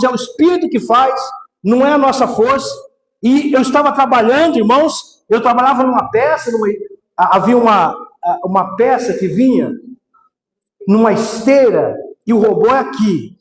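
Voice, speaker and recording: A man preaching a fervent testimony sermon, often calling out to his brothers and rising into shouts. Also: very high-pitched. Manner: fervent, repeatedly addresses "irmãos", bursts into shouts. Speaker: missionary preacher. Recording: echoey hall with long reverb.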